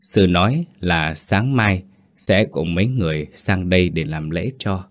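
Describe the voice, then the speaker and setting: Low-voiced man narrating a ghost story. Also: animated, unhurried.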